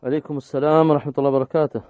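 A man's voice: a little high, level tone, racing, no room sound. A man hosting a call-in religious show, taking calls and reading listeners' questions with brief, polite acknowledgements. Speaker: radio show host. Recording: dry, phone-like narrow sound.

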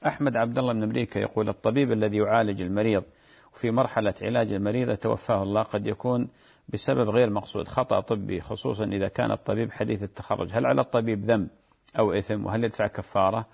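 A man, a sheikh reading listeners' questions and giving measured religious advice, turning emphatic when he warns. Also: on the low side, creaky, husky. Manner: calm, measured, advising, grows emphatic when warning. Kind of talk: reading and answering fatwa questions.

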